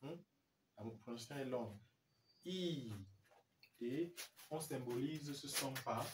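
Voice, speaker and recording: A man teaching English pronunciation, saying each example word slowly and then saying it again. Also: medium pitch, a little hiss or hum. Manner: slow, repeats each example word twice. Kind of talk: pronunciation lesson. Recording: echoey room, mic at a distance.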